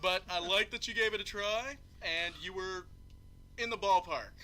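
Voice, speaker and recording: A man's voice: sits high, moderate pace, sharp tone. A man chatting as a guest on a live stream, joking and poking fun at himself. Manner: joking, self-mocking. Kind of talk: casual live-stream chat.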